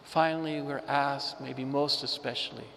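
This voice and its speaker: Man preaching with animated storytelling. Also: medium pitch, normal speed, vocal fry, long reverb tail, a little hiss or hum. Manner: animated storytelling, emphatic repetition. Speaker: pastor. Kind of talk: sermon.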